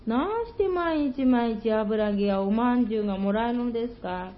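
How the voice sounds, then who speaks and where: A woman's voice: on the high side, moderate pace, lightly acted. A woman voicing a greedy, envious male fox in a folktale, asking eagerly and wheedling. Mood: pleading. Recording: dull lo-fi recording.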